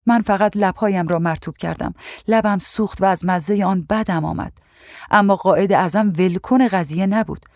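Steady somber memoir reading, audiobook narrator, dead dry room. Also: medium pitch, no echo. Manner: steady, somber first-person storytelling.

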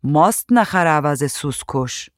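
A man's voice: fairly high pitch, lively intonation, dry recording, natural voice. A man playing a wry, teasing husband. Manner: dry, teasing replies.

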